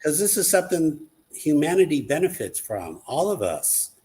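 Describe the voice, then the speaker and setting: A man's voice: on the high side, very animated, normal speed, darkish tone. Earnest man, a show guest. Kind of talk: casual chat on a live online show.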